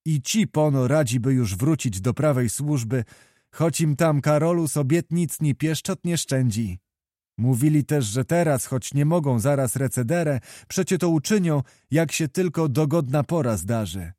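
A man's voice: a little high, animated, measured pace, warm tone, dry recording, clean studio sound. A man voicing a deferential courtier reporting news to his king, in a read-aloud historical novel.

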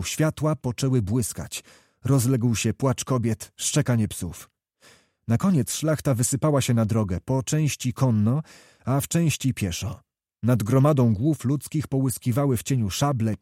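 A man narrating a historical novel in a measured, even reading voice. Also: medium pitch, dry recording, studio quality. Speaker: audiobook narrator. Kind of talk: scripted storybook narration.

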